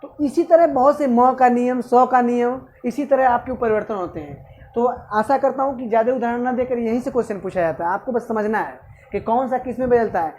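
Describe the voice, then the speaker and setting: A man's voice: very high voice, fairly quick, a little mellow, slight background noise. A male teacher giving an exam-prep grammar lesson, asking questions and answering them himself. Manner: asks and answers own questions, repeats "okay".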